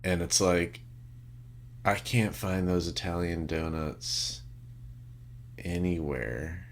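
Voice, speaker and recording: Slow, deep-voiced man ranting casually. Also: fairly even intonation, a little hiss or hum. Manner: rambling, ranting, swears, many fillers. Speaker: podcast co-host. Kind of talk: unscripted casual chat.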